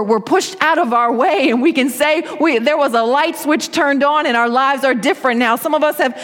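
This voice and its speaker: A woman preacher delivering a sermon in a church sanctuary, building to a repetitive, rising preaching cadence. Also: high voice. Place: church sanctuary with rows of chairs. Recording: long reverb of a hall.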